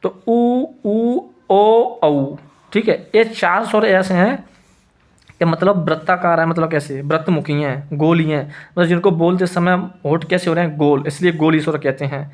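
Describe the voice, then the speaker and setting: A man's voice: on the high side, steady tone, moderate pace. A man teaching a Hindi grammar lesson who keeps repeating his points and answers his own questions. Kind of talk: classroom lesson explanation.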